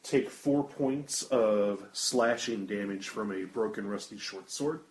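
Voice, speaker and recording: A man's voice: on the low side, slow, darkish tone. A man acting as game master, describing combat blow by blow and weighing the rules as he goes. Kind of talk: narrating a tabletop game. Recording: roomy table recording.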